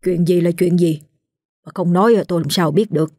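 Woman playing a grumpy tired husband who doesn't buy ghost talk, short and snappy, husky low voice. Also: steady tone, brisk, a little mellow, dry recording, studio quality, close to an everyday voice. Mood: dismissive. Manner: curt, dismissive. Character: gruff skeptical tired older husband.

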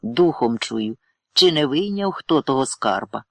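A man's voice: medium pitch, lively intonation, unhurried, vocal fry, no echo. A man voicing a frightened, superstitious young man pleading anxiously to turn back. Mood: fearful.

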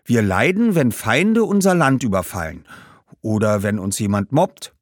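A lively young girl in a read-aloud storybook, as a man puts her on, outspoken and eager, with frequent exclamations. Her high voice jumps around a lot and sounds close and dry. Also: measured pace, no room sound.

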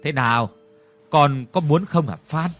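A man's voice: on the high side, measured pace, a bit bright, soft background music. A man voicing a stern, imperious older mistress of a rich household who talks down to her servants in an audio story. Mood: commanding.

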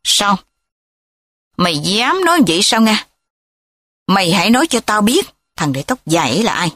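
A woman's voice: medium pitch, big pitch swings, moderate pace, a bit bright, dry recording. Woman reader as bossy mother, scolding, commanding, dry close sound. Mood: angry. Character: angry domineering middle-aged mother.

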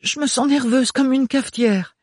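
A shy young woman in a storybook reading speaks in a high, anxious, hesitant voice, as a male reader puts her on. Her lines come close and dry, with no room around them. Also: moderate pace, no room sound. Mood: nervous. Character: nervous young woman, shy and soft-spoken.

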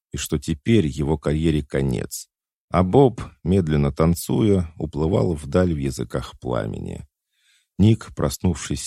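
A man narrating a thriller audiobook in a measured, dramatic reading. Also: extremely low pitch, gravelly, dark tone, no echo, studio quality. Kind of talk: scripted narration.

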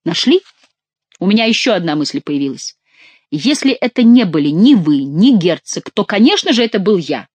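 A woman's voice: fairly low pitch, big pitch swings, moderate pace, darkish tone, husky, no room sound. A woman voicing a mocking, ironic young male nobleman in an audiobook, with a teasing, mock-polite manner.

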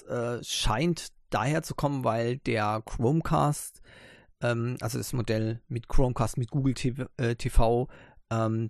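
A man's voice: medium pitch, vocal fry, a little mellow, no room sound, clean studio sound. A man hosting a casual tech news podcast, talking with many hesitant fillers. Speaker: podcast host.

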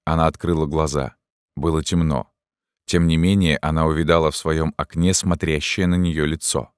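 A man narrating an audiobook in a measured, even storytelling manner. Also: a bass voice, clear, resonant tone, dry recording, studio quality.

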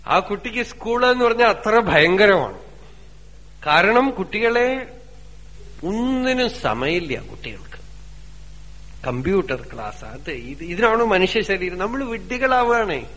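Spiritual teacher, male, Malayali accent, high voice, storytelling with rhetorical questions, slow chanted verses. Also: big pitch swings, a bit bright, long reverb tail. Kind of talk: religious discourse.

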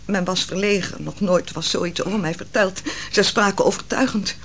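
A woman voices Susanna, a royal counsellor's anguished and virtuous wife, in a Dutch radio play, telling her tale with solemn drama and distress. Her mid-range, fairly bright voice moves at normal speed and sounds close to everyday speech, with a little hiss or hum.

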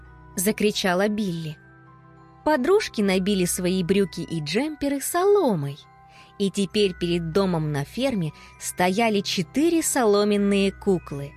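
A woman reads a children's story aloud with a lively, expressive delivery. Her voice sits at a middle pitch but moves freely up and down with the action. Faint music plays underneath. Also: a little slow. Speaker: audiobook narrator.

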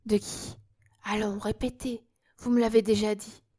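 A woman voicing a determined young woman who questions a hypnotized man softly but firmly in an audiobook. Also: medium pitch, level tone, a little slow, lightly acted. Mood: commanding. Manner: soft, firm questioning.

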